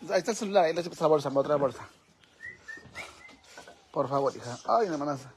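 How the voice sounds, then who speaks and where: A man with a Mexican Spanish accent does a casual home vlog among his pets and fish tanks, campy and theatrical, swearing freely and cooing at the animals. His high-side voice moves at a quick pace with lively intonation, over a little hiss or hum.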